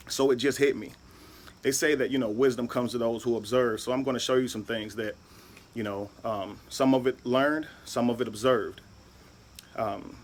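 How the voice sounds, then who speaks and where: A man giving an emphatic lecture-style monologue, spelling words out letter by letter and asking "right?" often. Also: medium pitch. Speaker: video speaker.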